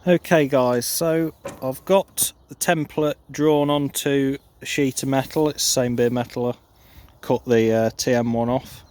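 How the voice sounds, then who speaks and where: Steady in tone and a little mellow, this mid-range male voice moves at a measured pace. He's a farm vlogger explaining a DIY installation in an easygoing, matter-of-fact manner for a how-to vlog shot on a handheld phone.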